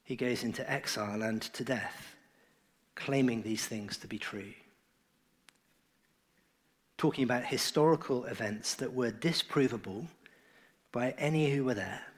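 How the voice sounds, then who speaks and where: A man preaching a sermon in an earnest, emphatic way, his phrases often trailing off softly. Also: mid-range voice, a little slow, long pauses, breathy edge.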